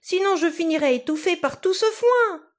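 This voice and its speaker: A woman voicing a tiny bold boy no bigger than a thumb, with high, cheeky, piping cries. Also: lively intonation, measured pace, darkish tone. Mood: shrill alarm.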